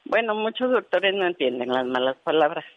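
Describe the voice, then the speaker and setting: A woman's voice: on the low side, animated, brisk, no echo, lo-fi sound. A woman who once worked as a hospital nurse is a guest on a radio talk show. She tells her story earnestly and vividly, voicing the people in it as she goes. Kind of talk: casual radio chat, telling a story.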